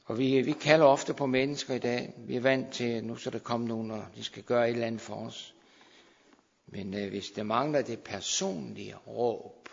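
A man preaching a fervent sermon in a church hall, exhorting, with sudden loud swells and low drops. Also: fairly even intonation, creaky, breathy edge. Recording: dull, long-reverb hall sound.

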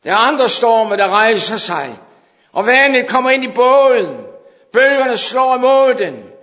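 A man preaching a fervent sermon to his congregation, sometimes dropping to hushed intensity. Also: extremely high pitch, expressive. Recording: dull sound in a long-reverb hall.

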